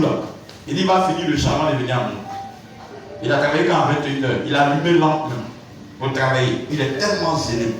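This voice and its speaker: A man preaching a sermon, telling stories and rising into exclamations. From Côte d'Ivoire. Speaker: pastor. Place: large church hall. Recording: booming echo from a distant mic, faint music.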